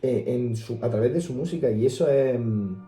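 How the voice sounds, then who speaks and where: A young man co-hosting a casual music podcast, talking hesitantly and pausing to search for words. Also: mid-range voice, dark tone, echoey room, far from the mic. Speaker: podcast co-host. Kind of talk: casual chat about music history.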